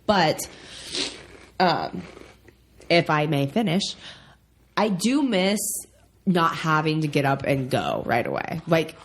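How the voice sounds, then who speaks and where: A woman's voice: low-pitched, big pitch swings, takes it slowly, pauses often. A woman in her thirties co-hosting a casual relationship podcast from home, chatty and rambling with frequent ums. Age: 30s. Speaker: podcast co-host.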